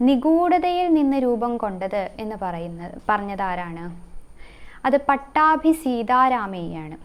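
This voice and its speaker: Clear-voiced woman teaching in a quizzing tone. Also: a little high. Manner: quizzing, repeats answers, links facts with memory tricks. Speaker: exam-prep teacher. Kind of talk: online lesson.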